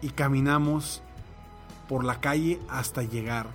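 A man's voice: medium pitch, measured pace, soft background music. A man giving a reflective motivational talk, telling a personal anecdote and a parable and asking the listener rhetorical questions. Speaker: motivational speaker.

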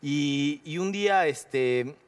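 A man with a Mexican accent, an actor guest telling a lively anecdote full of slang and quick asides. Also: on the high side, clean tone.

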